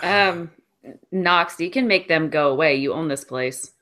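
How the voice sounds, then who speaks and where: A woman's voice: low voice, a little slow, a bit bright. A woman playing a tabletop role-playing game, with wry, joking remarks. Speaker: player. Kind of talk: casual tabletop role-play.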